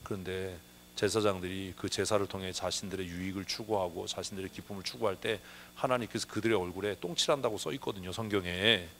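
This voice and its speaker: A man's voice: low voice, fast talker, pushed and bright, slight background noise. A man preaching a sermon as pastor, emphatic, often asking rhetorical questions. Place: church sanctuary.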